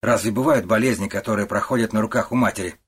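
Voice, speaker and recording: A man voicing an irritable young husband who talks in a gruff, loud, snappish way. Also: lowish voice, fast talker. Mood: irritated.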